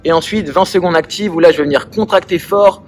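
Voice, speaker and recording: Calm man coaching a home workout. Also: high voice, a little fast, faint music behind. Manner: calm step-by-step demonstrating. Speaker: CrossFit coach. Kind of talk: workout instruction.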